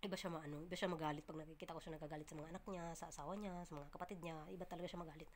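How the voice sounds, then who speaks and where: A woman vlogging casually to her viewers, chatty and full of fillers and restarts, often laughing and breaking off to cough or clear her throat. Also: deep voice, steady tone, racing, slight background noise. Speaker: vlogger, domestic worker abroad.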